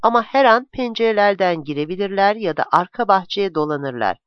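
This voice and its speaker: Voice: medium pitch, expressive, fairly quick, clear, resonant tone, dry recording, natural voice. A narrator voicing a frightened young pregnant woman who pleads anxiously, in a dull, dry, lo-fi recording.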